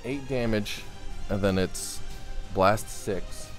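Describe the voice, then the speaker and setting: A man's voice: lowish voice, slow, faint music behind. A man acting as game master, narrating a tabletop game in a casual, profane way while thinking aloud.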